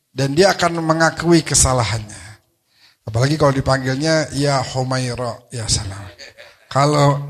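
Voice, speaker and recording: A man with a Betawi Jakarta accent preaching at a weekly gathering. His voice sits a little high and he takes his time. He jokes in relaxed street slang and recites Arabic verses. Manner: joking, colloquial, quotes Arabic verses. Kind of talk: sermon. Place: mosque study gathering.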